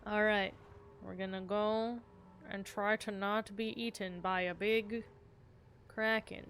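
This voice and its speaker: A woman's voice: mid-range voice, flat delivery, takes it slowly, a bit bright, slight background noise. A woman giving casual, chatty commentary while streaming a game, with a playful way of talking.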